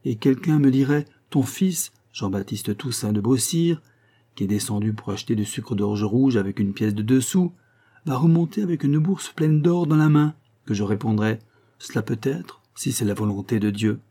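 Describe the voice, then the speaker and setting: Pompous, boastful gambler, read by a man; dark and husky. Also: medium pitch, lively intonation, moderate pace. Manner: pompous, sententious.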